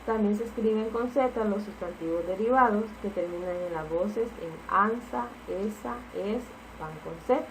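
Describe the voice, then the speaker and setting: A woman teacher walks through spelling rules with example words in a patient, explanatory way. Her voice sits at a middle pitch. A faint hum of background noise sits under her. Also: moderate pace, hardly any pauses, rough recording. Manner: patient, explanatory, repeats key points with "entonces".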